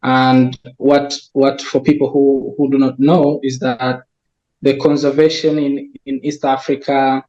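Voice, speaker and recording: A young man from Tanzania talks about his wildlife research in an unhurried, careful way. He often restarts his sentences as he gathers his thoughts. The recording sounds a little muffled. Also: medium pitch, flat delivery, a little mellow. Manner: slow and thoughtful, with frequent restarts. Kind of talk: conversational interview.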